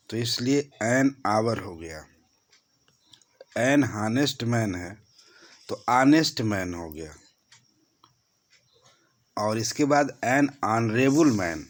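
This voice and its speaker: A man with a Hindi accent teaching a grammar lesson, explaining slowly and repeating key points. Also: fairly low pitch.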